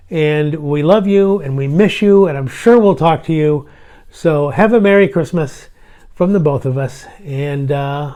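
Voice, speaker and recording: A man in his sixties telling a holiday memory to his grown children in a gentle, rambling way, with many fillers and restarts. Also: on the high side. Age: 60s. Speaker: family vlogger. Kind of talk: casual storytelling to family.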